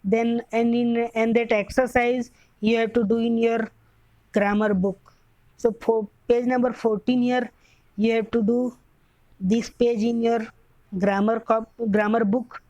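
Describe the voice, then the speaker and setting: A young woman teacher with an Indian English accent, giving a grammar lesson slowly, often repeating and correcting herself. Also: fairly high pitch, level tone, warm tone, no echo, muffled recording.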